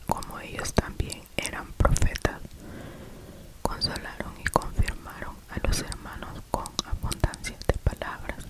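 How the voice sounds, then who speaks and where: A person reading scripture as ASMR in a cupped-hand whisper, very close to the mic as if into the ear. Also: low-quality recording. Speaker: ASMR reader. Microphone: very close to the mouth.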